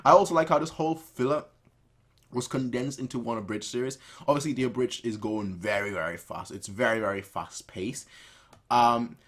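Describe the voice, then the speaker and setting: At a moderate pace and medium pitch, a man hosts a reaction video, offering casual, excited commentary and frequently repeating phrases for emphasis.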